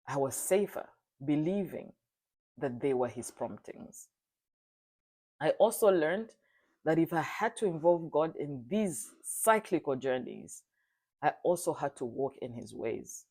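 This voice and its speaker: A speaker from Zambia giving an earnest, solemn personal testimony, sometimes halting and restarting. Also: medium pitch, warm tone. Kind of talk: reflective spoken testimony.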